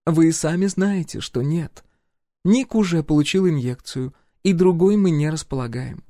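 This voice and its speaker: A proud empress, read by a man in a storybook, pitched well above his own voice. She talks with cool, insistent politeness that hardens into commands. The sound is dry and close. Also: moderate pace, warm tone, dry recording, close to an everyday voice. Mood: forceful, pleading. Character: proud imperious empress, middle-aged woman.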